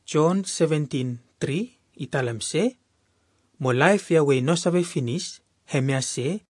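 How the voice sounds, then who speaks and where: A man's voice: a little high, a little slow, dry recording, clean studio sound. A man with a Melanesian Pidgin accent, reading Bible verses aloud as a scripture reader.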